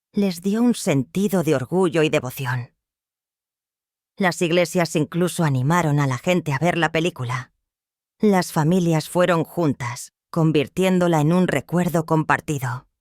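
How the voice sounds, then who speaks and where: A narrator reading a scripted documentary narration in a measured, even storytelling delivery. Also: mid-range voice, no echo, clean studio sound.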